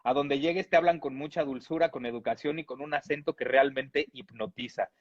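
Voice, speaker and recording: A man's voice: medium pitch, fairly even intonation, fairly quick. Amused man reading a funny text. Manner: playful, amused delivery with chuckles. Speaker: reader. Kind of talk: reading a humorous text aloud. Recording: dull lo-fi audio.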